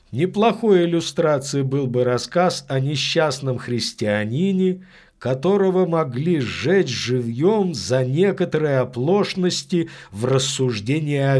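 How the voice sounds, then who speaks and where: An insightful priest in a spoken-word story, as a male reader plays him, laying out his reasoning like an official report. His voice lifts above the narration and moves animatedly, at an unhurried, deliberate pace. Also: mid-range voice, darkish tone. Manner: earnest, explanatory, matter-of-fact. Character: calm, insightful middle-aged priest.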